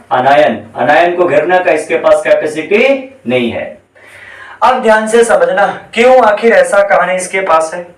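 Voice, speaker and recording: A man teaching chemistry in a lecture style, asking questions and answering them himself. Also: high-pitched. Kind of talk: classroom lecture. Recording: echoey room, voice from a distance.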